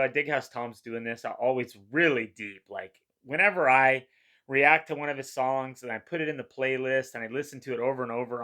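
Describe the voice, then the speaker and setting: Bright-voiced, laid-back middle-aged man. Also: mid-range voice. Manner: laid-back slangy talk, addressing listeners as man. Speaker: reaction video host. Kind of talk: casual rambling reaction commentary.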